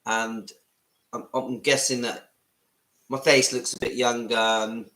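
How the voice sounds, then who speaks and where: West Country man, 50s, chatty livestream host; bright tone, roomy echo. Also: mid-range voice, level tone, slow. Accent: West Country English. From Southwest England. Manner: chatty, rambling, greets commenters by name. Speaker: livestream vlogger. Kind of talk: casual live chat to viewers. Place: room at home.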